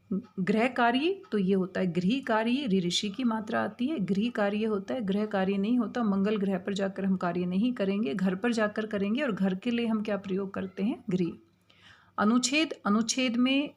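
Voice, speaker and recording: A woman teaching Hindi grammar to young students, explaining patiently, asking questions and answering them herself. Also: mid-range voice. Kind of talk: exam-prep grammar lesson.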